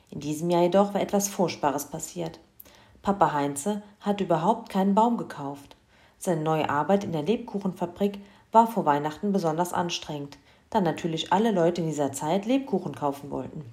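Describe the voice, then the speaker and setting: A woman reading a children's Christmas story aloud in a lively, expressive way. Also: deep voice, moderate pace.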